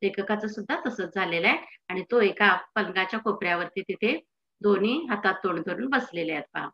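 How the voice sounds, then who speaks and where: A woman's voice: mid-range voice, brisk, sharp tone, highs cut off, a little hiss or hum. A woman teacher explaining a textbook chapter to students in an explanatory manner, often prompting them to "see".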